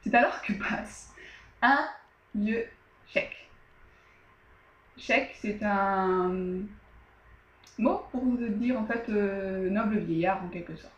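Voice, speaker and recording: A woman's voice: mid-range voice, slow, long pauses, roomy sound, dull audio. A woman casually retelling an old tale as a storyteller, loose and chatty with many fillers and asides.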